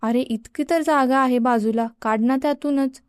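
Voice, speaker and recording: A woman's voice: high-pitched, moderate pace, a little mellow, clean tone, dry recording, clean studio sound, natural voice. A woman voicing a firm, matter-of-fact middle-aged mother.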